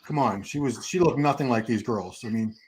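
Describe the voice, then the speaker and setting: A man's voice: mid-range voice, a little fast, darkish tone, a little hiss or hum, rough recording. A man hosting a casual livestream chat, rambling on and asking his guests questions. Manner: rambling, chatty, asks the guests. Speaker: host.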